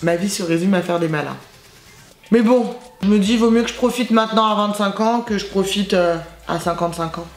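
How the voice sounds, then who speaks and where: A woman's voice: mid-range voice, fairly quick, reverberant, soft background music. A woman in her twenties, from Azerbaijan, chatting playfully and self-mockingly with her viewers in a casual vlog. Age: 20s. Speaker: YouTuber.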